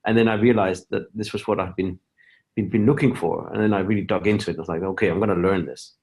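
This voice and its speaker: A man's voice: low-pitched, steady tone, darkish tone. A middle-aged man from Denmark, a company founder speaking as an interview guest, talking casually with frequent restarts and fillers. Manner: halting, many restarts and fillers.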